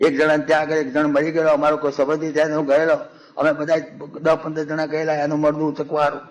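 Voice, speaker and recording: A fairly high-voiced older man with a Gujarati accent gives a spiritual discourse. He tells folksy stories, acts out the people in them, and slows down to chant verses. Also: monotone, rough recording. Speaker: spiritual speaker. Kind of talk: Ramayana discourse with humor and chanting.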